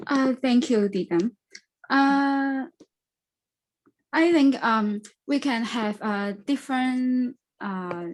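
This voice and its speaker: A woman from Hong Kong with a Hong Kong English accent, answering panel questions in halting, simple English on a video call. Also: mid-range voice. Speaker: student panelist.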